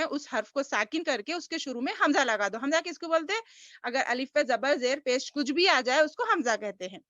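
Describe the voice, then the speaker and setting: A woman's voice: high-pitched, pushed and bright, no echo. A woman teaching a recitation class over a video call, patiently repeating each sound for her students. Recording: dull lo-fi online call audio.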